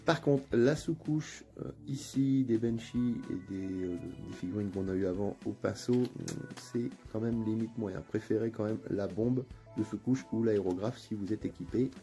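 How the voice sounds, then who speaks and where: A man with a northern French accent hosts his own channel, narrating a casual unboxing in a chatty, relaxed way with lots of hesitations. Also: fairly low pitch, moderate pace. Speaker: channel host. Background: faint background music.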